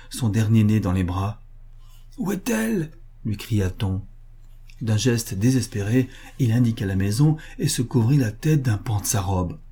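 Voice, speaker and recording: A man narrating a classic story in a measured, even way. His voice sits low with a dark, mellow color and a slightly husky grain. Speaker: audiobook narrator. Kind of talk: scripted literary narration.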